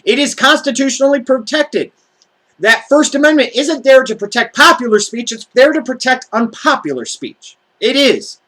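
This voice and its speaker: A man's voice: very high-pitched, lively intonation, moderate pace, fairly bright tone, rough recording. An American man delivering an angry, profane political rant to camera, stressing his words heatedly. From United States. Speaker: video blogger.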